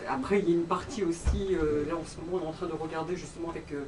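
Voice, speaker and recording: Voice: medium pitch, steady tone, racing. An audience member at a conference speaking without a microphone, rambling with many fillers. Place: conference room. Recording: distant voice with background noise.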